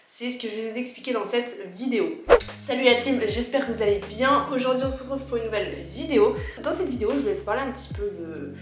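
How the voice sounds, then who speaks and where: A woman's voice: a little high, fast. A woman with a slightly worn voice, explaining personal advice informally and chattily to her viewers. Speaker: video creator giving personal advice. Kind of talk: casual advice vlog, chatty. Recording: roomy echo with music behind.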